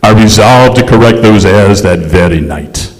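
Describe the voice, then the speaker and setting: A man's voice: on the low side, expressive, moderate pace, a crowd in the background, lightly acted. A man playing a pompous, easily flustered aristocratic ghost in an old time radio stage drama, speaking in grandiose, archaic phrases. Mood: wounded, solemn. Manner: grandiose, archaic, melodramatic delivery. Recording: echoey hall, live stage performance.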